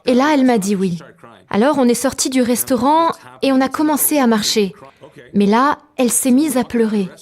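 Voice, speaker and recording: A woman giving a calm, measured personal testimony as a translated voice-over. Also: a little high. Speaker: testimony narrator.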